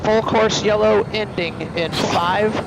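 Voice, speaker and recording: A fairly high-voiced man reads clipped official calls over a race-control loudspeaker. He sounds distant, as if coming through the radio feed. Loud engine and crowd roar from the track nearly buries him. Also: fairly even intonation, measured pace, vocal fry. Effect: announcement over the race radio loudspeaker. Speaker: race director. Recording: distant radio call under loud car noise.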